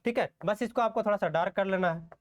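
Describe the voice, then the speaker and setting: A man teaching an online shorthand class, walking through strokes step by step, often asking rhetorical questions and checking in with "okay". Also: high voice. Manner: slow, step-by-step explanation while writing strokes.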